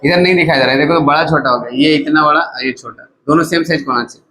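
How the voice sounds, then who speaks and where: Guy teaching chem, keeps going "what do we call it?", slightly higher voice, bit of hiss in the background. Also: fast, pushed and bright, rough recording. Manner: keeps asking the class to repeat terms; casual, coaxing teacher talk. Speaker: chemistry teacher. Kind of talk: classroom lecture.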